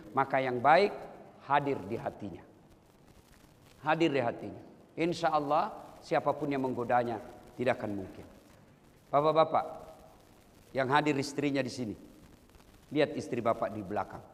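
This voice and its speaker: A man giving a humorous sermon to a live audience, telling stories animatedly and leaping into loud, high exclamations. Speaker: Islamic preacher. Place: large hall with an audience. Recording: reverberant hall, faint background noise.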